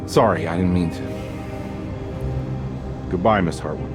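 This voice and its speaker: An actor playing a weary, dogged private detective in a video game, edgy and sardonic, with music behind him. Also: male voice, low-pitched, measured pace. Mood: exasperated. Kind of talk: video game cutscene acting. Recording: background music under the voice.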